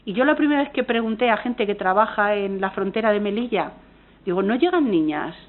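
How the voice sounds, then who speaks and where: A woman's voice: mid-range voice, expressive, a little fast. A woman from Spain with a Spanish accent giving an academic conference talk as a university lecturer, earnest and engaged, often restarting and correcting herself mid-sentence. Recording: tinny phone-like audio.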